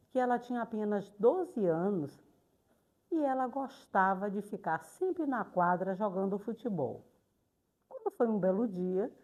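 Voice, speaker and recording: An older woman, a retired teacher slowly and reflectively recounting memories in a documentary interview, pausing often. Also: a little high, darkish tone. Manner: slow, reflective, pauses often on "é".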